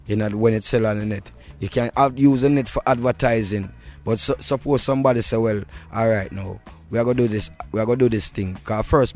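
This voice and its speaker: A man's voice: mid-range voice, a little mellow. Jamaican man in easygoing Rasta speech. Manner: Rasta speech with patois and devotional phrases. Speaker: reggae artist being interviewed. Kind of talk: casual interview talk. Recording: music playing behind the voice. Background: music.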